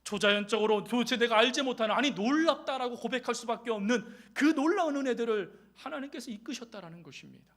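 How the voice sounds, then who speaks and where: A man with a notably high voice delivering a church sermon. He presses his points with rising rhetorical questions, then drops to soft, almost whispered phrases. His delivery is earnest and pastoral. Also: lively intonation, quick pace, hardly any pauses. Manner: emphatic preaching with rhetorical questions, dropping to hushed lines.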